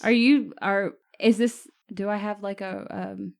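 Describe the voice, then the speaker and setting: A woman's voice: mid-range voice, fairly even intonation, unhurried, creaky. A woman in her late twenties co-hosting a podcast, chatting casually with playful teasing. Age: 20s. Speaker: podcast co-host.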